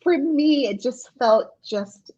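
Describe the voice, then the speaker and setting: A woman's voice: high-pitched, lively intonation, slow pace, mellow, husky. A woman hosting a book club livestream, chatting casually and laughing often. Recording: dull lo-fi audio.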